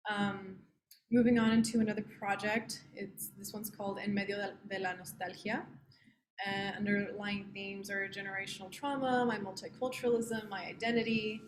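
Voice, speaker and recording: Earnest young woman on a roomy call. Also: medium pitch. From southern Texas, US. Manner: casual, earnest, many fillers. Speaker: artist presenting her work. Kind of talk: informal artist talk over video call. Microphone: computer mic on a video call. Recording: echoey room with background noise.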